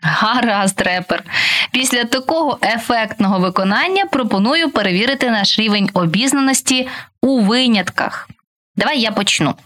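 Brisk woman co-host quizzing on words. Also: a little high, expressive, fairly bright tone. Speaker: radio co-host. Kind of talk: language quiz chat.

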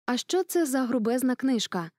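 A woman's voice: sits high, lively intonation, moderate pace, dry recording, clean studio sound, pitched above the performer's own voice. A woman voicing a small, curious boy prince in a storybook reading, asking eager questions in a raised voice.

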